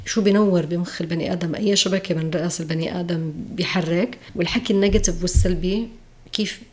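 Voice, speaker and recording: A woman with a Levantine Arabic accent, a podcast guest in casual, reflective conversation. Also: mid-range voice. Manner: reflective, acts out quoted voices.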